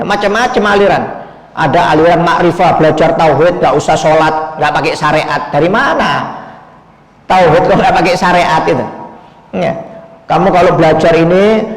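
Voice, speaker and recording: A male Islamic preacher giving a sermon, emphatic and full of rhetorical questions, speaking directly to his listeners. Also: a little high. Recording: echoey hall.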